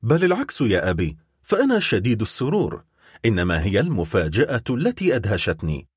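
A man plays a nervy young prosecutor in a storybook recording, tense and alarmed. His husky voice rises and falls sharply. The sound is dry. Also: lowish voice, wildly swooping pitch, fast talker, no echo, exaggerated voice. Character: anxious young male royal prosecutor, the son. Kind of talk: audiobook character reading.

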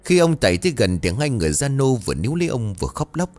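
A man narrating a ghost story in a dramatic, expressive storytelling style. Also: mid-range voice, rapid-fire, faint music behind.

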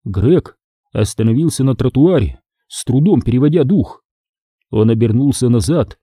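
Dark-voiced man narrating horror. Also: mid-range voice, expressive, moderate pace, husky, no room sound, studio quality. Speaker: audiobook narrator.

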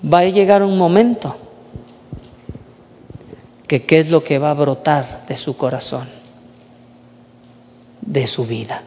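A man's voice: fairly high pitch, slow pace, pauses often, darkish tone, long reverb tail, a little hiss or hum. A man preaching a sermon, earnest and often checking in with his listeners. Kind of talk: sermon with retold story.

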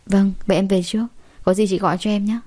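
A woman reads a protective young man in a storybook drama, anxious and polite with his elder sister-in-law. The voice stays mellow and warm in the telling. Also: mid-range voice, little pitch movement, fast, natural voice. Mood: concerned.

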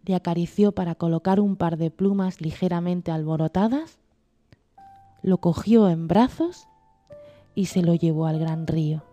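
A woman narrating a storybook tale aloud in a gentle, measured reading voice. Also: lowish voice, muffled recording, soft background music. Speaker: story reader.

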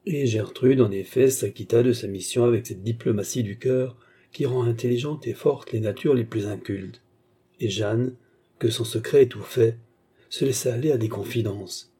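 A man reading a classic novel aloud in a measured storytelling manner. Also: mid-range voice, dark tone, husky. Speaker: audiobook reader. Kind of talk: scripted narration.

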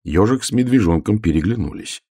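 A man narrating a children's fairy tale in an expressive, animated storytelling voice. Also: fairly low pitch, fairly quick, dry recording, clean studio sound. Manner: animated, voices all the characters.

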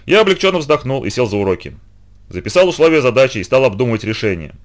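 A man narrating a children's audiobook in an animated storytelling manner. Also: mid-range voice, fast talker.

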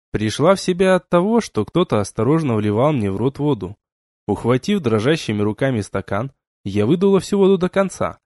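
A man reading a first-person novel aloud as an audiobook, with expressive narration. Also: medium pitch, no room sound, studio quality. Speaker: audiobook reader.

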